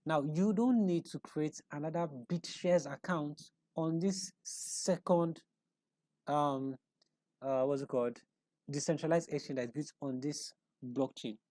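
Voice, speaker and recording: A man talks viewers through an on-screen walkthrough in a mellow, relaxed tone, recorded close and dry. He stops and restarts often, repeating words as he hunts for the next phrase. He checks in with rhetorical questions as he explains. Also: a little high, measured pace, dry recording. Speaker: presenter of an online explainer.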